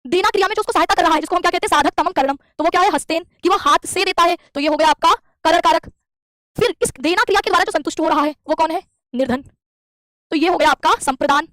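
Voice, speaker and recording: Fast high-voiced woman teaching grammar. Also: fairly bright tone, dry recording. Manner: explains step by step, asks and answers own questions. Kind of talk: exam-prep lecture. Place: classroom with a board.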